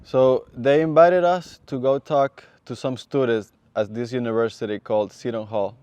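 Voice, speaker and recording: A man from Venezuela, a seminarian calmly explaining in a measured, thoughtful way. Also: medium pitch, clear, resonant tone, no room sound, highs cut off. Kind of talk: casual explanation.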